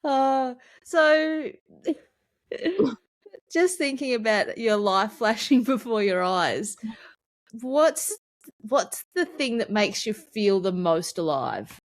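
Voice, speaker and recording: Woman host, higher voice, very lively pitch, playful, casual interview. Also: takes it slowly, long pauses. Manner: playful, laughing along. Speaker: podcast host.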